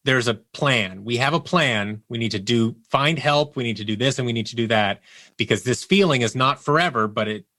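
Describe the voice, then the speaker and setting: Sharp-toned and medium-pitched, a man speaks at a moderate pace as an interview guest in a dry recording. He shares personal stories with candor and reflection, frequently quoting his own inner thoughts.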